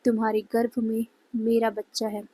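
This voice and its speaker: Woman voicing a cold husky alpha man. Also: on the high side, monotone, moderate pace, mellow, low-quality recording. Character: cold dominating male alpha wolf leader.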